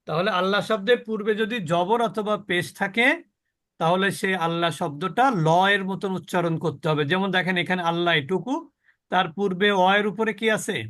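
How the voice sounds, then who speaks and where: A man's voice: high-pitched, fairly bright tone. A man teaching a Quran pronunciation lesson, asking the class questions and drawing out the words he models. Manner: slow, explaining, asks questions of the class.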